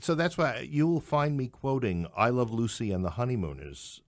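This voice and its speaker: Guesting on a podcast, this middle-aged playwright and English professor from New York City talks with medium pitch, lively intonation, and a moderate pace. He's opinionated and emphatic, repeating phrases to drive points home in a conversational interview. There's no room sound, just a clean studio capture.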